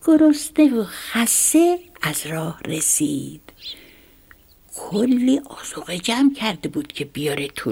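A woman telling a children's story in a soft, hushed whisper. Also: low-pitched, creaky, breathy edge.

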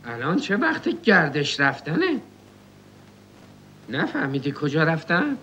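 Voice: mid-range voice, huge pitch swings, muffled recording, a little hiss or hum. A performer voicing a worried father rooster searching for his hen and chicks. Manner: calls out loudly, then asks anxiously.

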